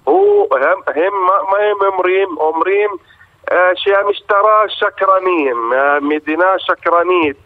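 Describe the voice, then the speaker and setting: A man calling in by phone as a bereaved father, speaking in halting, repetitive bursts that turn angry. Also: high voice. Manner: halting, repeats words, emotional and angry. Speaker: bereaved father, radio guest. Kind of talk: phone-in radio interview. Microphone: telephone. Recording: tinny phone line.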